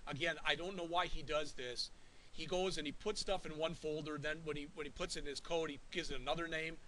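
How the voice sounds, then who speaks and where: A man lectures a college class in a bright, forceful voice that sits a little high. He keeps it conversational and keeps checking that the students follow. A faint hiss runs under the classroom recording. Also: low-quality recording. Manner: conversational, checks in often with "all right?". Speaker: college instructor.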